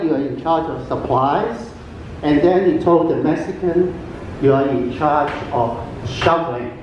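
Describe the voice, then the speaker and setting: Through a handheld microphone and a booming PA in a cruise ship's large atrium, an older talent show contestant, a first-language Cantonese speaker, tells chatty jokes with lots of pauses and fillers. Filmed from far away, the audio is dull with a little background noise.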